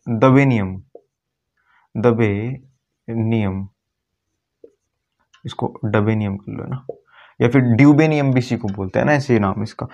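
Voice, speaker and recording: A man teaching chemistry at a board, often slowing down to repeat key words and calling his students "beta". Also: mid-range voice, gravelly, darkish tone, dull audio. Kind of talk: classroom lecture at a board.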